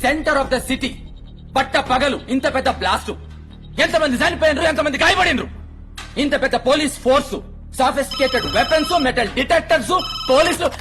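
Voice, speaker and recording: An actor playing an angry senior official who rants sarcastically at police. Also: male voice, very high-pitched, faint music behind, heavily acted. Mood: furious. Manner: shouting, sarcastic, rapid tirade. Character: furious middle-aged official berating police chief.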